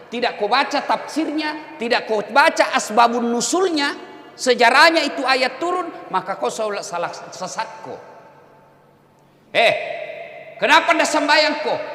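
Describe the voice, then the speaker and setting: Lively high-voiced man preaching in an echoey hall. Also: a little slow. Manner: teasing, emphatic, rousing the audience with shouted calls. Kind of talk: humorous sermon to a crowd.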